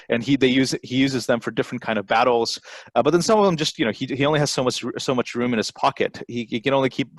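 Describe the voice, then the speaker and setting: A man's voice: medium pitch, no echo. A man raised in Texas, giving an informal conference talk over a video call, chatty and sprinkled with "you know" and "right?". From born in Bangladesh, raised in Texas. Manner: conversational, tag questions and frequent fillers. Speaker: angel network CEO giving a presentation. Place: remote, presenting from home over a video call.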